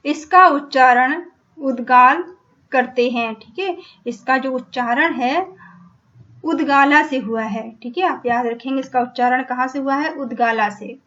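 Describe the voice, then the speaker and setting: A woman gives an exam-prep lecture in a high, fairly bright voice at an unhurried pace, repeating each point and asking and answering her own questions. She keeps checking in with "ठीक है". The recording is dull and lo-fi.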